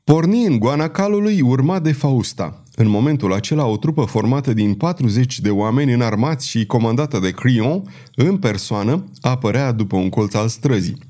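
A man reading a historical adventure novel aloud as an audiobook narrator, animated and dramatic, lifting his voice for shouted lines. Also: medium pitch.

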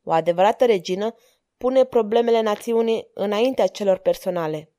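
A woman's voice: medium pitch, mellow, natural voice. A woman voicing a stubborn, earnest young king who pleads and gives firm orders in an audiobook reading.

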